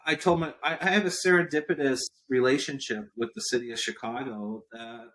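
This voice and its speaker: A fortysomething entrepreneur being interviewed on a podcast speaks briskly in a steady, medium-pitched, fairly bright voice. His casual talk is emphatic, with points repeated for effect and the odd cough.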